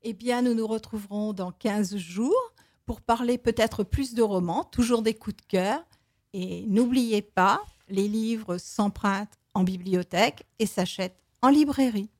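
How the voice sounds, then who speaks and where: A woman presenting children's picture books on a radio show, reading with lively expression. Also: mid-range voice, unhurried. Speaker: radio book reviewer. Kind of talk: book review and read-aloud on radio.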